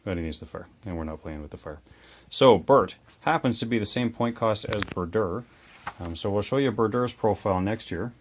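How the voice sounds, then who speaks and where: Slight background noise sits behind a man with a fairly low voice. As host of a tabletop wargame channel, he talks about models, dice and rules in a casual, chatty, enthusiastic manner full of quick asides.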